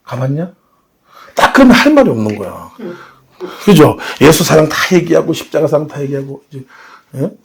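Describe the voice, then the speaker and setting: A middle-aged male pastor preaching a sermon in a church, telling family stories with shouting bursts and acted voices. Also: on the high side, very animated, brisk, creaky. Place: church sanctuary.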